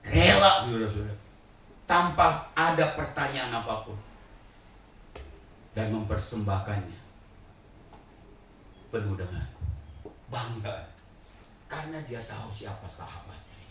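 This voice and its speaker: An older male pastor preaching a sermon, swinging between hushed low passages and loud, laughing shouts. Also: lively intonation, measured pace, pauses often. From Indonesia. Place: large church hall. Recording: echoey hall, distant mic, faint hiss.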